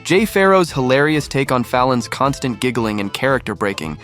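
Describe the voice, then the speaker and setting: A man reads a scripted comedy compilation in an even, upbeat storytelling tone. His voice sits at a middling pitch, and a faint music bed plays under it. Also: fairly quick. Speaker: narrator. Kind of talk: scripted narration.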